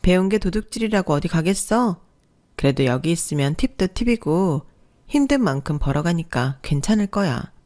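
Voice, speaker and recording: A woman's voice: on the low side, lively intonation, moderate pace, warm tone, lightly acted. A woman voicing a blunt, teasing older female coworker who works as a golf caddie.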